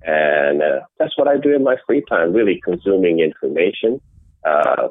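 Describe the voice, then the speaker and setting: A middle-aged man from the Netherlands answering interview questions in a measured way, often restarting his sentences. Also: sits low, animated, no room sound. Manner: measured, with frequent restarts and fillers. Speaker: interview guest, innovation executive. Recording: dry, tinny phone-like call audio.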